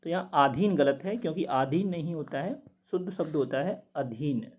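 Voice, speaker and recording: A man working through quiz answers as a teacher, steadily repeating each word slowly to explain it. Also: fairly high pitch. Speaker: Hindi test teacher. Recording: dull lo-fi recording.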